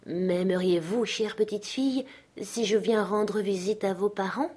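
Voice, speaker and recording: A woman's voice: mid-range voice, animated, moderate pace, lightly acted. A woman reading the part of a plump, middle-aged male dignitary in an audiobook, honeyed and cajoling with a child, then harsh and scolding. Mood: wheedling.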